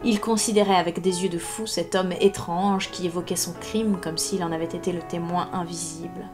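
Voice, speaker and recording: A woman narrating a classic French novel in a measured storytelling voice, in a live reading. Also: fairly low pitch, fairly even intonation, music in the background. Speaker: reader.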